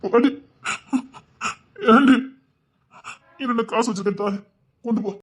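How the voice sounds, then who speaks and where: A woman with a fairly high, slightly rough voice acts in a village romance drama as a caring young village man. He fusses over his sweetheart, quick and coaxing.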